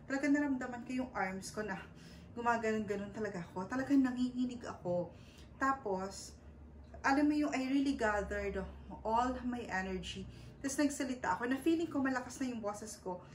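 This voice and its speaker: Woman sharing her story, roomy and distant. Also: fairly high pitch. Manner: polite, with frequent "po", hesitant fillers and English mixed in. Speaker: vlogger. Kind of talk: casual personal storytelling. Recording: roomy, a bit far from the mic, faint background noise.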